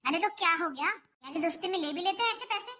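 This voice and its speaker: A bright, very high-pitched voice snaps and scolds as a stubborn mother-in-law in a home drama skit, acted by a woman. She brushes people off and argues back without pause. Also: expressive, slight background noise, exaggerated voice. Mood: pleading. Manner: scolding, dismissive. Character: nagging middle-aged mother-in-law, stubborn.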